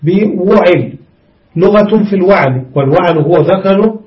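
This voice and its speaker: Brief: male grammar teacher, high voice, reads the text and explains, checks in with students; muffled lo-fi recording. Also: unhurried. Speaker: sheikh teaching Arabic grammar. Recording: dull lo-fi lesson recording.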